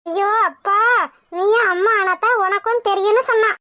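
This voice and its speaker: A woman's voice: extremely high pitch, fairly even intonation, normal speed, sharp tone, no room sound, studio quality. A woman voicing a young newlywed wife in a cartoon, sulky and questioning.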